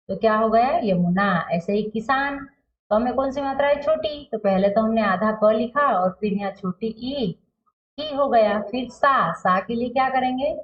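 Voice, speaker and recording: A woman teaches a primary school grammar lesson at a patient pace. She breaks each word into its letters and asks questions that she answers herself. The recording is roomy and a bit dull, like a lo-fi room mic. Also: a little high.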